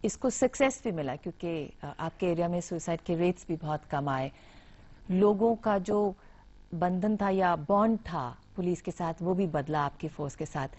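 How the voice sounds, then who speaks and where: A woman's voice: fairly low pitch, moderate pace, darkish tone. A woman hosting a TV studio interview, asking composed questions and handling the links. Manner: composed prompting questions, switches to English for links. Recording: muffled TV broadcast audio.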